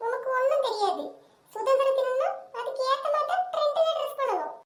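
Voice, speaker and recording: Woman doing a squeaky bossy young wife. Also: animated, fairly quick, heavy background noise. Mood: nagging. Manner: scolding, complaining. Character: bossy young wife, nagging and quick-tempered. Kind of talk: comedy skit. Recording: roomy echo.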